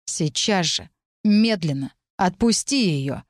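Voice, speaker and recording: A woman's voice: mid-range voice, normal speed, a little mellow, no echo, studio quality, voice pushed up, close to an everyday voice. A woman voicing a furious, jealous young male mage who snaps and sneers in a raised, heated tone. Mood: angry, sneering.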